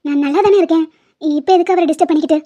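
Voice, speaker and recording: A woman's voice: very high voice, steady tone, rapid-fire, mellow. A woman voicing a young woman patient in a cartoon drama, teasing and chatty as she jokes with her family before surgery. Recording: dull lo-fi sound.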